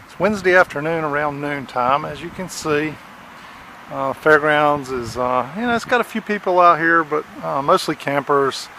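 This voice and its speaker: A man vlogging on a camera mic as he walks an outdoor fairground flea market, halting and full of fillers, keen about his finds. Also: a little high, sharp tone, slight background noise. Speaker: vlogger at a hamfest. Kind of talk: casual walkaround vlog.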